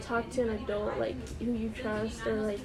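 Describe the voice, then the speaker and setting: A woman's voice: fairly high pitch, flat delivery, moderate pace, a crowd in the background, rough recording. A teenage girl co-hosting a student podcast, speaking earnestly in casual chat with many fillers. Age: teens. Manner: earnest, advice-giving, filler-heavy.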